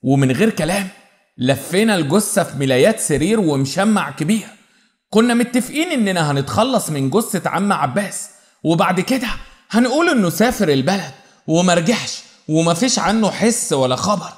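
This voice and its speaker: A man with an Egyptian accent narrating a dark first-person story, with an intense, brooding delivery and repeated phrases. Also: high voice, expressive, fairly quick. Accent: Egyptian Arabic.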